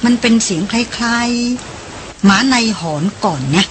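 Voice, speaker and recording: A woman reading the part of an uneasy young man, the middle brother, who speaks in a hesitant, halting way. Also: a little high, slight background noise, poor audio.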